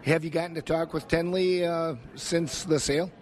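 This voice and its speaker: A man's voice: fairly high pitch, steady tone, normal speed. An American man working as a radio host, conducting an interview. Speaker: radio host and fair reporter.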